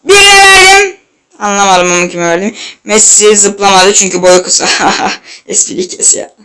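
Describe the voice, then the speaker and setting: A young man commentating his own football video game match, excitable and jokey, shouting at his players, with a sore throat. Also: high voice, moderate pace, smooth. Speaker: gaming channel host. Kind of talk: live gameplay commentary.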